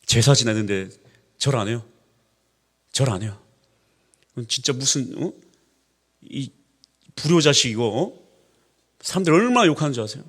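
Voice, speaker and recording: A man's voice: medium pitch, normal speed, pauses often, slightly rough. A man preaching a Sunday sermon as pastor, telling stories and firing rhetorical questions at the congregation. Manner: animated storytelling, acting out quoted voices, rhetorical questions to the congregation.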